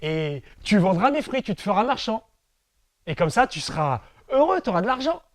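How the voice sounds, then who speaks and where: A man voicing a kindly old talking tree in a told story, soft and coaxing like a patient father. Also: high-pitched, big pitch swings, normal speed, dry recording, studio quality.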